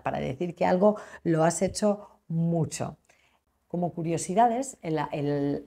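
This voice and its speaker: A woman in her forties from Castile with a Castilian Spanish accent, explaining things in a relaxed, unhurried online lesson. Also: sits low. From Castile, Spain. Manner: explains in a relaxed, unhurried way with small restarts and fillers. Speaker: Spanish teacher.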